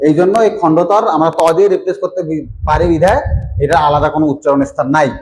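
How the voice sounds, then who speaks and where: A male teacher talks fast through a grammar lesson in a slightly high voice, often asking whether his students follow. Faint background noise sits under his voice. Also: darkish tone, poor audio. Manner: explanatory, checks understanding often. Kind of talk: online Bengali grammar class.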